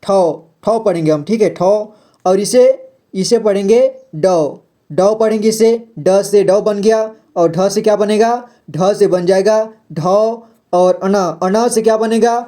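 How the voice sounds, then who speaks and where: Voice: medium pitch, takes it slowly, dark tone. A patient teacher walking learners through reading syllables and words step by step, repeating each sound and asking and answering their own questions. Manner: frequent "theek hai" check-ins. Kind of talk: step-by-step phonics lesson.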